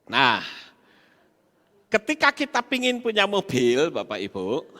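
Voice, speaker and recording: A man preaching an animated sermon, laughing often and speaking straight to his congregation. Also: a little high, unhurried. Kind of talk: sermon with stories and audience questions. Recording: long hall reverb.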